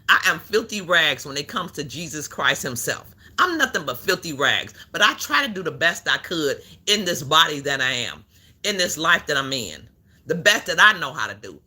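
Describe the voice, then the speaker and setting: A live-stream host who talks in bright, husky bursts with a lively, swooping pitch. They repeat lines over and over, call people out, and answer back to a video playing in the background. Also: normal speed. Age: adult who works a job. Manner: animated, repeats phrases, calls people out. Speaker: livestream host. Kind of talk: casual live-stream commentary.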